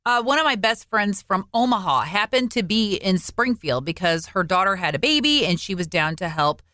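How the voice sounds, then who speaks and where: A woman's voice: medium pitch, moderate pace, dry recording, studio quality. A woman co-hosting a podcast, telling a travel story in casual chat and acting out the quotes. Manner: animated storyteller, acts out quotes. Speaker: podcast co-host.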